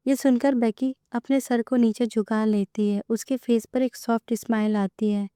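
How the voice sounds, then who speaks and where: A woman narrating a romance story in an even, storytelling way. Her voice is slightly high yet mellow, smooth and clean. It is recorded close and dry. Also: normal speed, dry recording.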